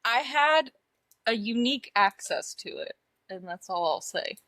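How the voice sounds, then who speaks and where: A woman's voice: fairly high pitch, expressive, a little slow, a bit bright, no echo. A young woman co-hosting a podcast in casual chat, laughing a lot and using filler words. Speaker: podcast co-host.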